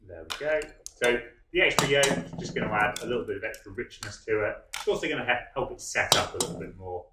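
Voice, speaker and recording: A man in his thirties, a head chef, talking through a cooking demonstration step by step in a relaxed, explanatory way with frequent ums. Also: fairly low pitch, quick pace, hardly any pauses, heavy background noise. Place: large wood-panelled college hall, indoors. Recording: echoey hall.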